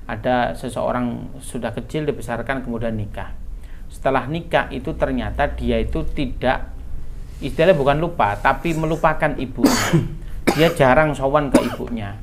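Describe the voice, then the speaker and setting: Male preacher, narrative sermon answering audience questions, average pitch. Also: normal speed, slight background noise. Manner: storytelling, addresses listeners as Pak and antum.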